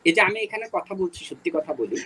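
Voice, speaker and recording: A man from Bangladesh whose first language is Garo speaks as a panelist at a literature webinar. He makes his case earnestly over a video call and often pauses with hesitant fillers. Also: high voice, animated, sharp tone, slight background noise, low-quality recording. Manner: urging, with frequent hesitant fillers.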